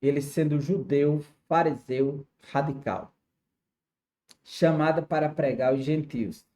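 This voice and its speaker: A man's voice: on the high side, takes it slowly, mellow. A man with a Brazilian Portuguese accent teaching a Sunday school Bible lesson, explaining as he goes and often checking in with "né?". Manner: explanatory, with frequent "né?" and "tá certo?" checks.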